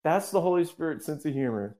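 A man's voice: a little high, lively intonation, quick pace, dark tone. A man speaking as a guest minister in a casual interview, earnest and rambling, often restarting his sentences.

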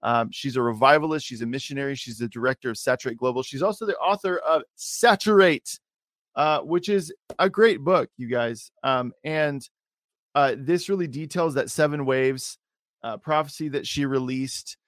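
A man's voice: medium pitch, moderate pace, no room sound. Casual male podcast host, dry close sound. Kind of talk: casual, enthusiastic show introduction and interview.

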